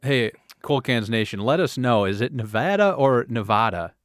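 A man's voice: mid-range voice, moderate pace, slight background noise. A man co-hosting a casual podcast, making dry wisecracks. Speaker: podcast co-host. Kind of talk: casual chat.

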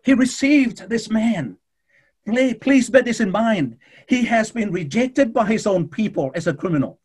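Husky, high-voiced male preacher. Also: animated, a little mellow. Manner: fervent, with shifting pace and dramatic pauses; addresses the congregation directly. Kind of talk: sermon.

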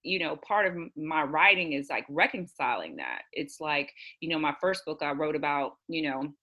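A woman's voice: sits low, animated, moderate pace, bright, forceful tone, highs cut off. An American woman from Houston, a novelist guest, talking reflectively in a casual interview, often circling back with "you know" and "it's like". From Houston, USA.

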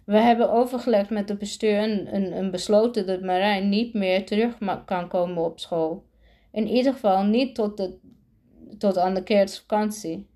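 A stern, formal woman principal in a storybook, delivering a hard decision, read out by a woman. The delivery is halting, with restarts, in a dark, mellow tone. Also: mid-range voice, close to an everyday voice. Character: stern female school principal.

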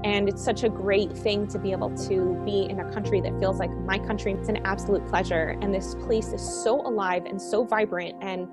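A woman's voice: mid-range voice, fairly even intonation, moderate pace, hardly any pauses, over loud music. A woman in her forties from Colombia, a guest author talking casually and with enthusiasm in an interview. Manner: upbeat, enthusiastic.

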